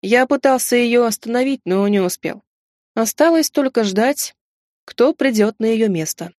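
Storybook: woman reading a measured, formal male inquisitor, even delivery. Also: fairly high pitch, no echo, studio quality, lightly acted. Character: calm, melancholy male inquisitor overseeing the shadow world.

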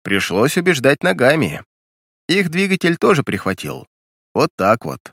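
A man voicing a grumpy, legless old male ship engineer who talks in a grumbling, matter-of-fact way, pitched higher than his own voice. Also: wildly swooping pitch, normal speed, creaky, a bit bright, breathy edge, no echo, studio quality, exaggerated voice. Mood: dryly wry.

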